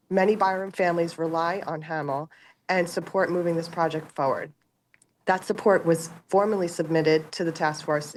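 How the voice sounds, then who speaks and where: A woman's voice: on the low side, slight background noise, low-quality recording. Sick-voiced woman reading a statement. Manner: steady, formal, persuasive. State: sick, rough voice. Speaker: parent, public commenter on Zoom. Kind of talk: prepared statement read out. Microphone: video call.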